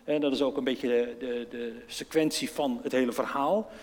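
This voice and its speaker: A man's voice: mid-range voice, steady tone, moderate pace, a little mellow. Man preaching in a reverberant hall. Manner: conversational, asks the audience questions, acts out quotes. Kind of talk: sermon. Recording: long reverb of a large hall.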